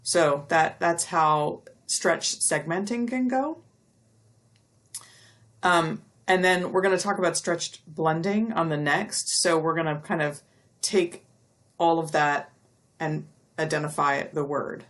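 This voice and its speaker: A middle-aged woman giving a recorded lecture, explaining step by step and stretching out speech sounds slowly to demonstrate them. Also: sits low. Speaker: university lecturer.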